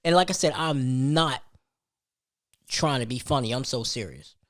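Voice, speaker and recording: He speaks at a measured pace, his medium-pitched voice a bit bright, as he hosts a podcast and rants casually about his own life. Expect emphasis, slang, and plenty of repeated lines and rhetorical questions.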